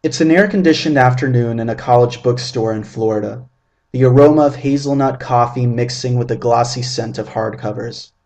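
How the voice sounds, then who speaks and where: A man in his twenties reading his own first-person story aloud in a measured, vivid, descriptive way. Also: mid-range voice, creaky, a little mellow. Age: 20s.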